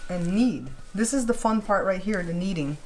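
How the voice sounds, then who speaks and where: A woman's voice: medium pitch, expressive, moderate pace, a little mellow. A woman chatting casually as she hosts a home baking tutorial, explaining step by step and checking in with viewers. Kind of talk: casual cooking tutorial chat. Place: indoors at a kitchen counter. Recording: clearly noisy home recording.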